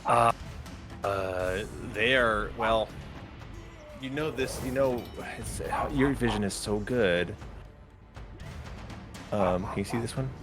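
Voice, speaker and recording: A man with a low voice running a tabletop game, talking in a rambling, hesitant way with lots of "um"s and casual swearing. Music plays clearly behind him. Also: takes it slowly, pauses often. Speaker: game master.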